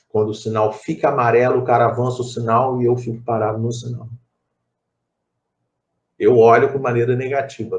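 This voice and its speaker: A man's voice: medium pitch, darkish tone, highs cut off. A middle-aged man with a Rio de Janeiro accent leading a spiritist study group, telling stories with many asides and repeated phrases. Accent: Rio de Janeiro Portuguese. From Brazil. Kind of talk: conversational group study talk.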